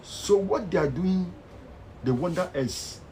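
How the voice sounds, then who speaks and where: A man's voice: high voice, slow, rough recording. A man speaking in Ghanaian Pidgin English, giving a fervent social media rant. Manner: fervent, animated, preachy.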